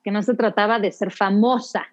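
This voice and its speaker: A woman with a Mexico City Spanish accent talks as a guest in a relaxed interview, rambling through her story with plenty of restarts. Her voice sits at a middle pitch. The recording sounds dull and lo-fi. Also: normal speed. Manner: chatty, many restarts and fillers. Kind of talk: casual interview conversation.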